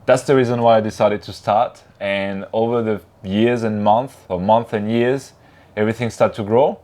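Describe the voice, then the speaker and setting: A man's voice: on the low side, steady tone, moderate pace, a little mellow. A man with a French accent, a native French speaker, talking as a guest in a casual interview, friendly with simple phrasing. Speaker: guest, YouTuber.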